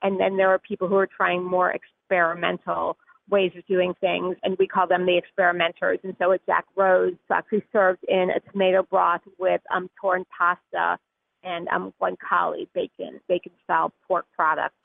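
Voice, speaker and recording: A woman's voice: on the low side, level tone, normal speed, gravelly, no echo. A woman food editor talking as a guest in a radio interview, chatty, with frequent laughs and many "like"s. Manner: chatty, laughs easily, uses "like" often. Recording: tinny phone line.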